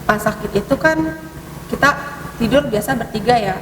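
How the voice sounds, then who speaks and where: A podcast guest tells ghost stories in a relaxed, casual conversation at normal speed, hesitant and full of fillers, her pitch suddenly jumping upward. Her fairly high voice sounds far from the mic, echoing through a long hall with clear background noise.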